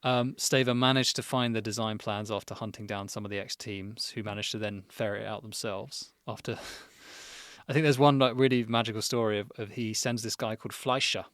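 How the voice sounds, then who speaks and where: A man co-hosting a podcast, telling a history story in an animated way and laughing often. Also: fairly low pitch, normal speed, dry recording, clean studio sound. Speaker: podcast co-host. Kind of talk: casual history chat.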